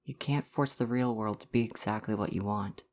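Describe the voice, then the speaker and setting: In an ASMR roleplay, a performer voices a gentle, affectionate dating-sim boyfriend come to life, speaking with personal affirmation. His medium-pitched voice moves at a normal speed with light acting, soft-hearted and earnest, and the mood stays tender and reassuring.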